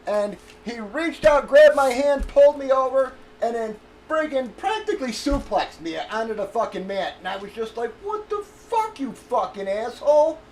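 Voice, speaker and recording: A man's voice: very high-pitched, expressive, moderate pace, hardly any pauses, a little mellow, a little hiss or hum. A man streaming casually, telling a rambling, profane story and stalling as he gropes for names. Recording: echoey room with faint ambience.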